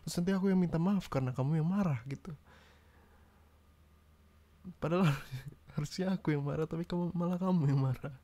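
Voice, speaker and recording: A man's voice: a little high, brisk, pauses often, dark tone. A young man doing an ASMR boyfriend role-play, talking in a pouty, nagging way close to the mic. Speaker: ASMR roleplay creator.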